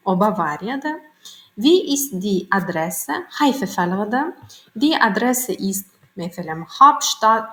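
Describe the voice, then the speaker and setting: Woman, Turkmen native, hobby language tutor, unhurried teaching voice, echoey room. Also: medium pitch. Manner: reads German phrases slowly, then translates quickly into Turkmen. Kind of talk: bilingual vocabulary lesson.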